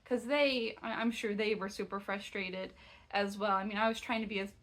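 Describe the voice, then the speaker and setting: A woman's voice: mid-range voice, fairly even intonation, moderate pace, fairly bright tone. A young woman crochet vlogger telling a travel story in a chatty, exasperated way, full of "like" fillers. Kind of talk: casual storytelling vlog.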